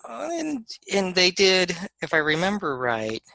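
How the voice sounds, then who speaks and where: A man co-hosting a podcast, talking in halting, stammering restarts. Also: high voice, wildly swooping pitch, gravelly, sharp tone, dry recording, low-quality recording. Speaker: podcast co-host, attorney. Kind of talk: casual podcast chat.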